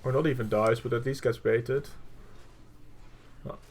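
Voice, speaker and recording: A man's voice: medium pitch, steady tone, unhurried. A man coaching through a gameplay review, blunt and profane, with lots of fillers. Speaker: game coach.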